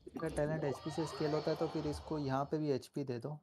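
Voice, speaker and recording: A man's voice: fairly high pitch, level tone, brisk, noisy background. A man from India streaming a game, chatting casually with friends and talking through character builds in a joking way. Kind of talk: casual gaming chat. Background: loud game music.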